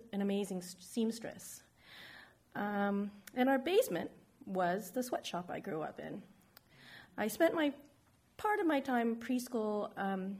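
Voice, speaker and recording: A middle-aged woman from San Francisco, United States, frankly and reflectively tells her life story, much like a personal testimony. Her voice rests at an ordinary middle pitch for a woman and is a little mellow, with plain-spoken delivery.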